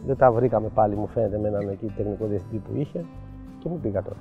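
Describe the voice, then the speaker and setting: An older man and football coach telling animated anecdotes in an interview, acting out the dialogue he quotes. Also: fairly low pitch. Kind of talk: storytelling interview. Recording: dull lo-fi sound with faint music.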